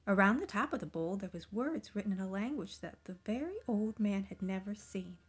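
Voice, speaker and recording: A woman reading a children's picture book aloud, gentle and expressive, often dropping into soft whispers. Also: medium pitch, brisk, slightly rough. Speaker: storybook reader.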